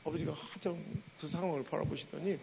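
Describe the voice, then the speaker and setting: A middle-aged man preaching in a church, telling a story with animated, emotional delivery. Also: on the high side, fast, vocal fry, a little hiss or hum, poor audio. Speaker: pastor. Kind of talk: sermon storytelling.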